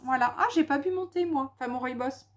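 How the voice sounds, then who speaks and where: At home, a woman from France enthusiastically shows off her newly bought craft supplies in a casual haul chat, speaking a little fast in a high-pitched voice. She's a crafting vlogger, and her talk is peppered with small hesitations and repetitions.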